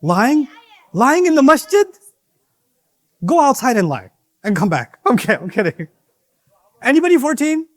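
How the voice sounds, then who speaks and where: A man's voice: very high voice, very animated, measured pace, pauses often, no echo. A man giving an interactive religious lesson to young people in a mosque, playful and teasing, acting out bits of dialogue. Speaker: teacher of young audience.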